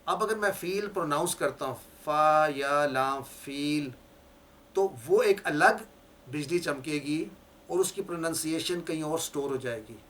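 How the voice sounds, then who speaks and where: A male teacher lectures a classroom, walking through each point step by step and repeating key words for his learners. His voice is on the high side and a bit bright, with a little hiss or hum in the recording.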